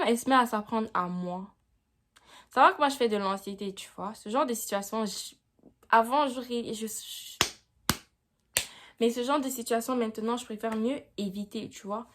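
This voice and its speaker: A woman's voice: fairly high pitch, normal speed, noisy background. A young woman vlogger telling a personal story time in a slangy, chatty way, with frequent "tu vois".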